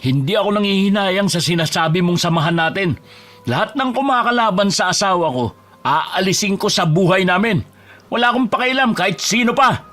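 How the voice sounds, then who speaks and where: A man's voice: medium pitch, brisk, lightly acted. An actor playing a bus driver and husband who has turned curt and defensive, snapping and raising his voice. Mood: hostile. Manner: curt, bristling, flares into shouting. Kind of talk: audio drama acting. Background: music.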